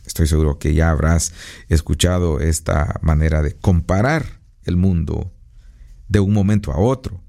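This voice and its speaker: A man in his fifties delivers an earnest radio sermon in a very low, gravelly voice with a dark, mellow tone. He speaks pastorally from a studio recording booth, pacing his words with pauses. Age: 50s. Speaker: radio preacher. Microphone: studio microphone.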